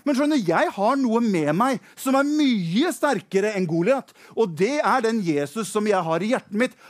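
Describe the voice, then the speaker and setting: A man putting on a brave, eager shepherd boy in a told Bible story. The voice sits high and pushes out fast, urgent words, often stumbling over repeats in its hurry. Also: lively intonation. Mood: confident. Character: young shepherd boy David, bold and eager.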